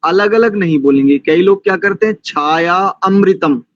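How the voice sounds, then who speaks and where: A man teaching Vedic mantra pronunciation, who chants verses slowly and then corrects his students patiently. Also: sits high, dry recording, dull audio. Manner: admonishing, didactic. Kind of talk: recitation lesson with slow mantra chanting.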